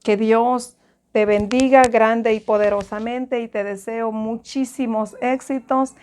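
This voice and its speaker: A woman teacher from Honduras giving a recorded lesson to students, explaining slowly and stopping to correct herself. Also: on the high side, steady tone, a little mellow, slight background noise. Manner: slow, explanatory, repeats and self-corrects.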